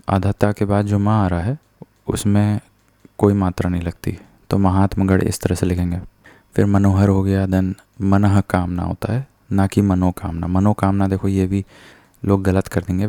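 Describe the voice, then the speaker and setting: A man with a low, gravelly voice explains spelling rules with patient, step-by-step care. His voice stays flat and dark, and he stops now and then to correct himself. It sounds dry and close, with no room echo. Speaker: teacher.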